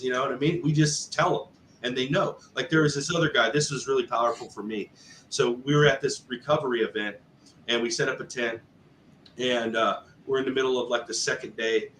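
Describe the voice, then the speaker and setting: Guy telling a wild story, mid pitch, echoey room with a little hiss, talks loose and excited. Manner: animated, conversational, full of fillers and quoted speech. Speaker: guest telling a testimony. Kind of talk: casual storytelling. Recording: roomy echo with faint background noise.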